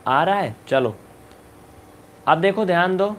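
A man teaching a live online maths class, brisk and coaxing, urging students to answer quickly and scolding them playfully. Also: high-pitched, animated, slight background noise.

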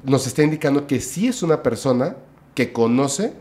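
A man's voice: mid-range voice, moderate pace. Chatty male podcast guest telling a story. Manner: lively retelling, with "o sea" and "¿no?" tags. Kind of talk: storytelling in a casual chat.

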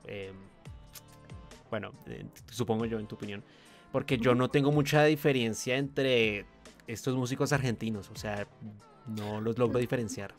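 A man's voice: medium pitch, moderate pace, faint music behind. Hesitant man hosting an interview. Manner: hesitant, many fillers, encouraging. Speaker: podcast host. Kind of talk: casual interview chat.

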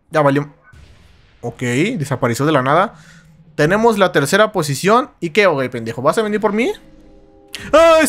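A man with a Mexican accent giving excitable, swear-heavy commentary while playing a game. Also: on the high side. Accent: Mexican Spanish. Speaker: gaming YouTuber. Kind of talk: let's-play game commentary.

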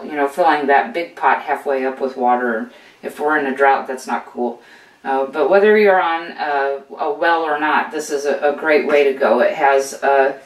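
Speaking in a low voice from a distance, an older American homesteading host demonstrates gear in a casual how-to, chatting encouragingly with plenty of fillers and restarts. She's indoors in a home kitchen with steel counters, and her off-mic voice has a roomy echo.

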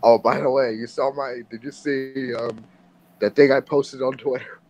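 A man in casual gaming voice chat, excitable and exclaiming, restarting his sentences as he talks. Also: medium pitch, moderate pace, highs cut off. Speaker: voice chat role-player.

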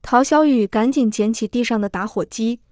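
Storyteller woman, steady scripted narration, slightly high voice, dry close sound. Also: moderate pace, no echo.

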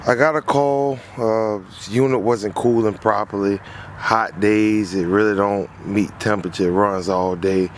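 Man, fairly low voice, HVAC tech, rambling casual explainer, outdoors, faint traffic behind. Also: fairly even intonation, a little slow. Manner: rambling, repeats himself while recounting a job. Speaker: HVAC technician. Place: outdoors on a lawn.

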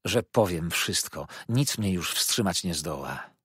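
A man's voice: low-pitched, lively intonation, unhurried, a bit bright, breathy edge, no echo, clean studio sound, full character voice. A man reading a furious, vengeful scarred woman. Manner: accusing, declamatory outbursts.

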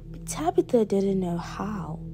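Woman narrating a children's story, expressive, sing-song, slow, mellow. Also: mid-range voice, music in the background.

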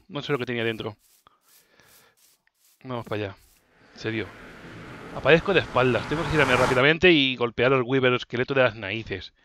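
A man from Spain, doing let's play commentary, muttering in frustration and bursting into yells. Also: medium pitch, noisy background. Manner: exasperated, muttering to himself, bursts of yelling. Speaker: gaming YouTuber. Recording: loud game music behind voice. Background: loud game music.

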